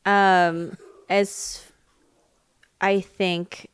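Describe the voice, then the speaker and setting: A woman stylist guest chatting casually in an interview, bubbly and quick to laugh, a little choked from allergies. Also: mid-range voice, little pitch movement, smooth, no echo.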